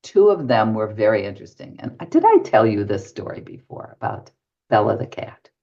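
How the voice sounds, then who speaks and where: A woman's voice: a bass voice, very animated, moderate pace, gravelly, warm tone. An older woman, a medium guesting on an interview show, tells stories and acts out both sides of each conversation. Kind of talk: anecdotal storytelling in a podcast interview. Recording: dull lo-fi audio.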